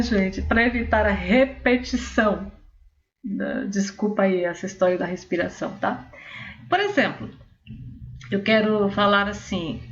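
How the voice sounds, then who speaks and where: A woman teacher with a Brazilian Portuguese accent giving an English class, explaining slowly and stretching out example phrases. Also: medium pitch, a bit bright. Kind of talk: recorded online class. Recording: dull, slightly noisy class recording.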